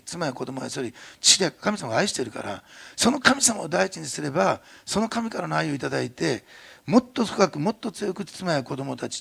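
A man's voice: fairly high pitch, gravelly, a bit bright, slightly rough. A male pastor from Osaka preaching a sermon, telling a family story and appealing earnestly to the congregation.

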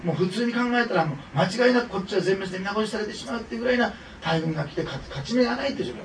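Racing and animated, this high-pitched pastor talks to his congregation in a chatty sermon packed with fillers and asides. There's a little hiss or hum, and a far-off mic captures the echo of the church hall.

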